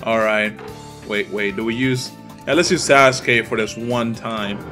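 With a lowish, steady voice that's sharp in tone, a young gaming YouTuber speaks a little slowly as he commentates live on his own online match. He's of Dominican background, and his casual talk is profane and full of trash talk, set against game music.

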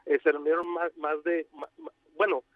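A Mexican man being interviewed by telephone, speaking haltingly with many restarts and fillers. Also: fairly high pitch, little pitch movement, no echo. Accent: Mexican Spanish. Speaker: university outreach coordinator, interview guest. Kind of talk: phone interview on radio. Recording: muffled dry phone line.

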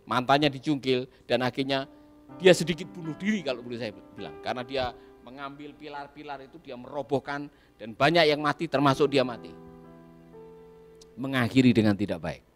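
A male pastor preaching a sermon, telling stories lively and acting out the voices in them, often asking the congregation "right?". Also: medium pitch, fairly quick, soft background music. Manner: lively storyteller, acts out quoted voices, asks "ya kan?".

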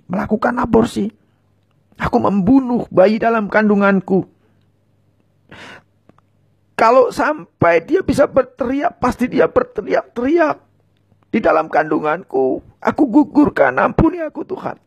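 A man's voice: sits high, sing-song, moderate pace, gravelly, husky. A man preaching and leading viewers in a fervent prayer, giving short lines for them to repeat. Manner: speaks in tongues.

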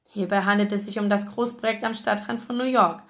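Expressive woman reading an audiobook. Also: mid-range voice, fairly quick. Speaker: audiobook reader.

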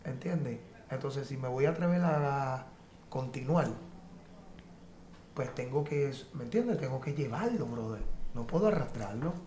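A man's voice: medium pitch, animated, unhurried, mellow, reverberant, slight background noise. A man giving heartfelt advice in a casual interview, emphatic and repetitive. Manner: emphatic, repeats points, peppers with "brother" and "¿entiendes?". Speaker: guest artist.

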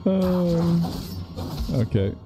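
Goofy, animated man gaming. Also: high-pitched. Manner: goofy, laughs often, animated reactions. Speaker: gaming streamer. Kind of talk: casual gameplay banter. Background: game music.

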